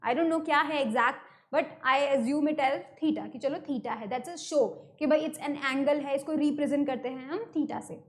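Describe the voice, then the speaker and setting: A woman's voice: high-pitched, unhurried. An Indian woman teaching an online math lesson, explaining step by step and repeating key terms, mixing English words into her talk. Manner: mixes English terms into Hindi.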